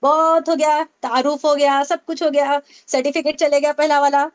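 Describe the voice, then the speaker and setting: A woman's voice: sits high, flat delivery. A woman teaching a Tajweed class online, explaining step by step, asking the class questions and repeating key points. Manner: explains with questions and repetition, mixes English terms. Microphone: online meeting call.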